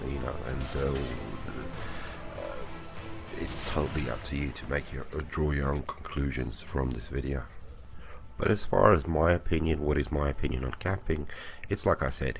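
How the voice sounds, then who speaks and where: A man's voice: very deep voice, vocal fry. A man with a slight cold, sounding worse for wear, giving casual gaming guide commentary and repeating phrases for emphasis. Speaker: gaming video host.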